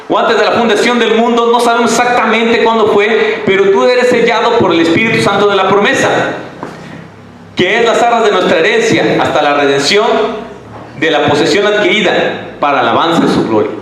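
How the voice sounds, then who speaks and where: A man's voice: high voice, fairly bright tone. A man preaching a sermon, often asking the congregation questions. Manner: conversational, asks the congregation questions. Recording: echoey hall from far off.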